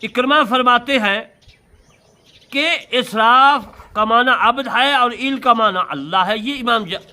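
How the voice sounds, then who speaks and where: A man preaching a religious lecture, explaining word meanings with emphatic, drawn-out words and repeated points. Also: extremely high pitch, sharp tone. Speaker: Islamic preacher explaining scripture commentary. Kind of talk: sermon-style religious lecture.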